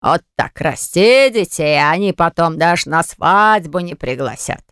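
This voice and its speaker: A woman's voice: fairly low pitch, lively intonation, fairly bright tone, smooth, no room sound, studio quality. Woman doing a nasal, drunk, sneering father. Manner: slow, drawling and mocking. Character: drunk, spiteful middle-aged father, sneering and greedy.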